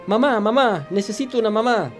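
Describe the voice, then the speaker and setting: Tiny lonely chick for a storybook radio reading, played by a man, high and plaintive, faint music underneath. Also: animated, moderate pace. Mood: tearful. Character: tiny lonely yellow bird chick, pleading.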